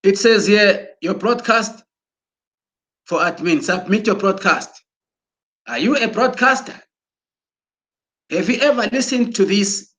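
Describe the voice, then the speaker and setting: A man giving an excited promotional talk, exhorting listeners and often restarting his words as he goes. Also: high voice. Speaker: broadcaster.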